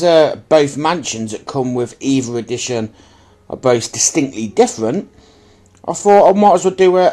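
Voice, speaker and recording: Presenting an item in his own video, a man offers casual, rambling, apologetic unboxing-style commentary. His voice is medium-pitched and dark, and a blocked nose leaves it stuffy and slightly bunged-up.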